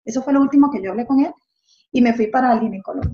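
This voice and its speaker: A middle-aged woman gives an earnest personal testimony, often closing phrases with a tag question. Her voice is on the high side and she talks rapid-fire. The recording sounds dull and lo-fi.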